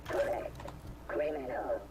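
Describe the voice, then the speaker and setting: An actor voicing a malfunctioning robot security unit in a video game, stuck in loops and speaking in clipped, formal machine phrases. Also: male voice, a little high, animated, slow pace. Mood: glitching. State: malfunctioning, repeating itself in loops. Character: glitching robot security unit, stiff and officious. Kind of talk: video game character dialogue. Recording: distant game audio with noise.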